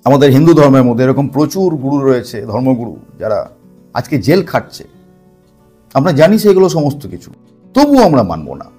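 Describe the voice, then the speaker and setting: A man's voice: medium pitch, sing-song, a little fast, dark tone, soft background music. A man giving a spoken commentary to camera, emphatic, with rhetorical questions, repeated phrases and English words mixed in. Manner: mixes English words into speech. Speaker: spiritual talk host.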